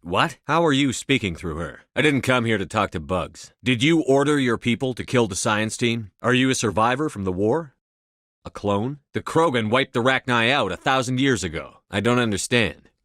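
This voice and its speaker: A man's voice: medium pitch, lively intonation, normal speed, fairly bright tone, no room sound, studio quality, lightly acted. A man playing a tough military space commander in a video game, speaking in a terse, firm, authoritative way. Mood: forceful, resolute. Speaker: video game lead voice actor. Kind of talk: scripted game dialogue.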